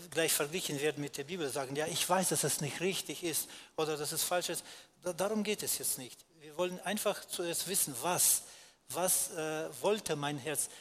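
A man's voice: on the high side, fairly bright tone. A man teaching in a sermon, explaining step by step and answering his own rhetorical questions, with frequent hesitations.

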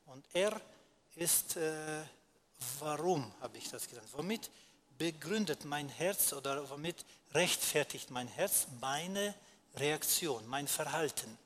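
A man's voice: on the high side, animated, takes it slowly, fairly bright tone, slight background noise. A man teaching in a sermon, explaining step by step and answering his own rhetorical questions, with frequent hesitations.

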